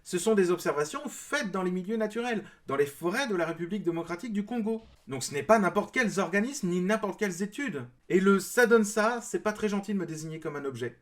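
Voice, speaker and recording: Male creator, bright high voice, explanatory and dryly sarcastic rebuttal commentary. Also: lively intonation, fast, few pauses. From France. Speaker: video creator responding to a clip.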